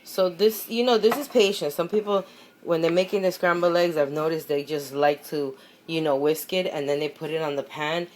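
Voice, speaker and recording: This home cook has a deep voice with fairly even intonation and a moderate pace, hosting a cooking video at her kitchen stove. Casual and chatty, she encourages viewers and repeats short phrases as she works, amid noisy sizzling, stirring and pan clatter.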